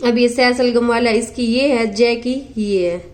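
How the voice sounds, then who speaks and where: A young woman teaching a phonetics lesson for exam prep, sounding out words slowly and answering her own questions. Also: a little high.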